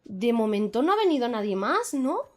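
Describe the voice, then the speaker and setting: A woman's voice: a little high, very animated, fast talker. A woman giving chatty, playful live commentary as a game streamer. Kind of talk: casual live gameplay commentary.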